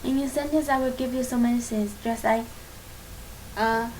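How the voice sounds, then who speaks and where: Speaking Chinese-accented English as a non-native speaker, this channel host gives an informal lesson, hesitant and full of fillers as she gropes for words but reassuring and encouraging throughout. Her voice is fairly high, steady and a little mellow, in a rough recording with a little hiss or hum.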